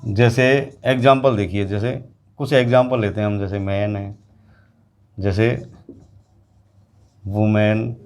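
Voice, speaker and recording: Slow-paced male teacher. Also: on the low side, a little mellow. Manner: slow, repetitive explaining, addressing students directly. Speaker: English grammar teacher. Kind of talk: classroom grammar lesson.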